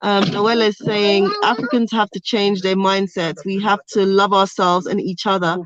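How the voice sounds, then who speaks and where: A young woman vlogger livestreams from inside a car on a road trip, chatting casually and reading viewer comments out loud. Her voice is medium-pitched and steady at a normal speed, and the audio sounds dull.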